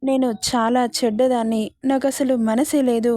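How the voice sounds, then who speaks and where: A woman voicing a gentle young wife who pleads softly with her husband in a storybook reading. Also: sits high, little pitch movement, normal speed, no echo, close to an everyday voice. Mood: pleading.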